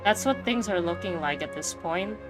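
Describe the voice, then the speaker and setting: A woman's voice: on the low side, lively intonation, normal speed, rough recording. A woman game streamer giving casual, slangy, reactive commentary on a playthrough. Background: game background music.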